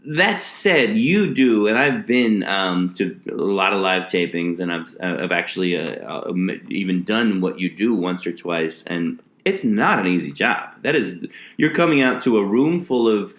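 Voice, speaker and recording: A man hosting a casual conversational interview as a comedian, building his points haltingly and rephrasing as he goes. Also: low voice, expressive, fairly bright tone. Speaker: podcast host. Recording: roomy, echoing interview recording.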